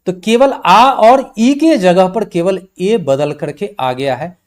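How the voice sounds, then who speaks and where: Slow, patient male grammar teacher. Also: sits high, animated. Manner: patient, repeats and spells out each letter. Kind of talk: slow blackboard-style lecture.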